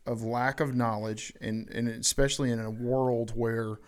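A man with a mid-pitched voice and a light Southern accent hosts a relaxed podcast talk. He steers the discussion and keeps his guests going with steady murmurs of agreement. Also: a little slow, clear, resonant tone. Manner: conversational, frequent affirming backchannels. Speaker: podcast host. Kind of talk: casual podcast conversation.

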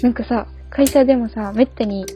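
A woman's voice: on the high side, brisk, dark tone, dull audio. A young adult woman co-hosting a podcast in casual chat, chatty and self-mocking with frequent giggles. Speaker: podcast co-host.

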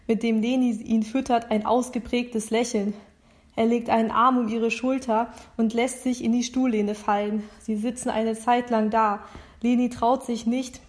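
Woman reading a novel aloud. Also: fairly high pitch. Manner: steady reading with retakes. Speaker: narrator.

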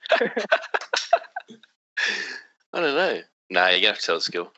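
Aussie man, low bright voice, skeptical and chatty, dry lo-fi recording. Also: big pitch swings, dry recording. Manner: quick to disbelieve, says nah and no way. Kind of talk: casual chat among friends.

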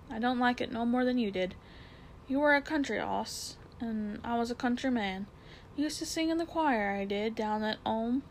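A woman's voice: on the high side, creaky, slight background noise. A woman voicing a plain-spoken London cabman with a Cockney accent, dropping his h's. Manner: h-dropping, earthy and blunt.

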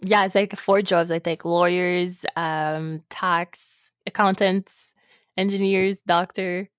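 A woman's voice: fairly low pitch, steady tone, slow, no room sound, clean studio sound. A woman hosting a podcast, interviewing a guest casually, friendly and agreeing, laughing along. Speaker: podcast host.

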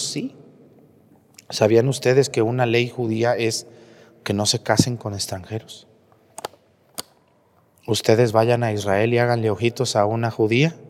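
A priest giving a homily at Mass. He tells the story and asks the congregation questions, with playful jokes. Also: mid-range voice. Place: church. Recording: long church reverb.

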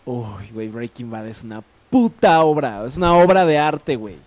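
A man's voice: medium pitch, sing-song, normal speed, darkish tone. A man co-hosting a podcast in casual chat, slangy and swearing freely. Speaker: podcast co-host.

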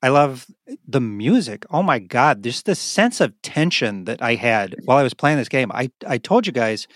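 Excitable male podcast co-host, swears a lot, dry close sound. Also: medium pitch, moderate pace, no room sound. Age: adult, married. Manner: excitable, swears freely, laughs often. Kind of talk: casual chat.

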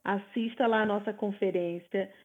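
A woman's voice: mid-range voice, steady tone, normal speed, crowd noise. A woman co-hosting a podcast from home, talking in a reflective, earnest way. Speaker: podcast co-host. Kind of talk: casual chat. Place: at home in the United States. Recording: tinny phone-like line.

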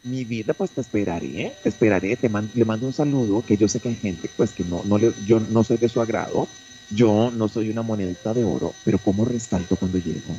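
A man's voice: on the low side, a little fast, dark tone, highs cut off, a little hiss or hum, lightly acted. A man playing a flirty, sassy woman on a comic radio bit, teasing and affectionate as she calls everyone her love. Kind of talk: comic character on a radio show.

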